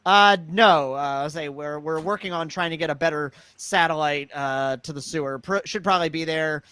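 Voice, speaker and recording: A man narrating as game master of a tabletop role-playing podcast, halting and full of fillers. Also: on the high side, sharp tone, smooth, dry recording, low-quality recording. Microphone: podcast microphone.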